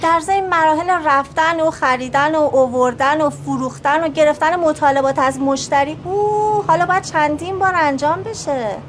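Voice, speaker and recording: An actress playing a trader's wife who patiently explains away the delays. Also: female voice, sits high, hardly any pauses, a little hiss or hum, natural voice. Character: trader's wife backing up his excuses.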